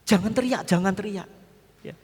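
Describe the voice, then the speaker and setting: A nervous male burglar, played by a preacher in his sermon keeps repeating his urgent pleas. The voice sits a little high and rings in a reverberant church hall. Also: normal speed, slightly rough. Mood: pleading. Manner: repetitive, urgent pleading.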